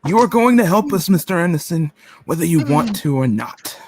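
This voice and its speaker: A man reading a cold, menacing government agent in a radio play, speaking slowly, deliberately and formally. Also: on the high side, lively intonation, a little mellow, a little hiss or hum, close to an everyday voice.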